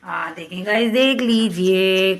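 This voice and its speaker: A woman's voice: mid-range voice, slow, roomy sound, far from the mic. A woman from Pakistan, chatting to viewers in a home vlog while she cooks in her kitchen at night. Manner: chatty, pious, talks to viewers while cooking. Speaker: vlogger. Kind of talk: casual home vlog narration.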